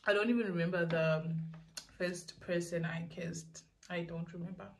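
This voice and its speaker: A young South African woman talks casually to her viewers. Her voice is a little low for a woman. She rambles through her answers and often repeats herself. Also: steady tone, normal speed, slight background noise. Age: young adult. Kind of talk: casual question-and-answer vlog. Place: small indoor room.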